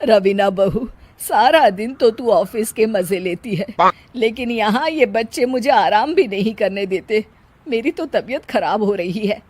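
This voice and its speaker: A sharp-tongued older mother-in-law from a family tale, lecturing and scolding, played by a woman. Her voice carries a bossy, teaching tone. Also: mid-range voice, lively intonation, unhurried.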